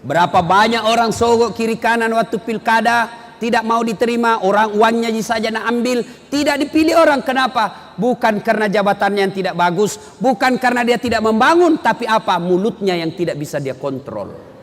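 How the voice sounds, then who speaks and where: A man with a Makassar accent giving a humorous sermon, lively and acting out little dialogues with different voices. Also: very high-pitched, a little fast. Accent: Makassar Indonesian. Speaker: preacher and university lecturer. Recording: hall reverb, faint noise.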